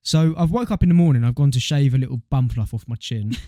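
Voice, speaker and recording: A man's voice: medium pitch, fast, warm tone, no room sound. A young man with a British accent, co-hosting a podcast and telling stories in a laid-back, slangy way. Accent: British English. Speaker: podcast co-host. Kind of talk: casual chat.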